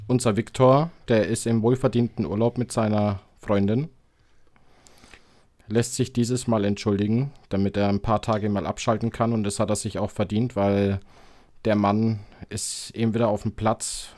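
A man with a German accent co-hosting a football podcast in relaxed casual chat, friendly and easygoing. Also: fairly low pitch, normal speed, no room sound. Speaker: podcast co-host.

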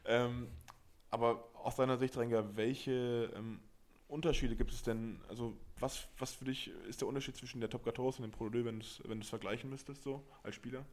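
A man's voice: mid-range voice, brisk. A young man from Berlin, co-hosting a casual podcast chat and talking loosely with lots of fillers and restarts. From Berlin, Germany. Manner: relaxed, chatty, many fillers and restarts. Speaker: podcast host and rugby player.

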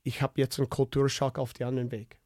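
Canadian man in his fifties, halting German. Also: mid-range voice, level tone, warm tone, no echo, studio quality. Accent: Canadian English. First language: English. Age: 50s. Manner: halting, many fillers and restarts. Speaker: podcast guest. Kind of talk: casual interview chat.

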